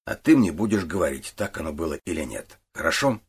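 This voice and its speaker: A man voicing a calm, methodical middle-aged detective who questions patiently in an audiobook. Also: low-pitched, brisk, breathy edge, exaggerated voice. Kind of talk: audiobook character voice.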